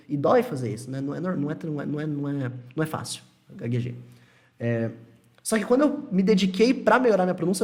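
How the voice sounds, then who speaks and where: Brazilian male English teacher, live-stream lesson, reassuring and animated, repeats key points. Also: fairly high pitch. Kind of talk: live-stream lesson reading chat questions.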